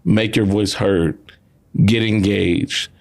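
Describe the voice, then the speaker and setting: A man hosting an interview, asking his questions in a measured, stepwise way. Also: on the low side, fairly even intonation, gravelly, a little mellow. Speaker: host.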